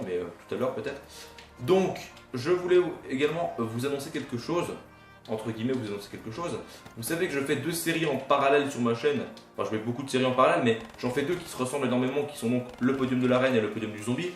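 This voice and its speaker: His mid-range voice comes from a distant mic in a roomy recording with faint game music behind it. He's a young gaming YouTuber giving loose, rambling gameplay commentary, poking fun at himself and swearing casually.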